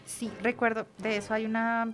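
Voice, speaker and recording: A woman co-hosting a casual radio chat, explaining things in a relaxed conversational way. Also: on the high side, normal speed, soft background music. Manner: conversational, explains with gentle laughs. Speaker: radio co-host from an institute for the blind.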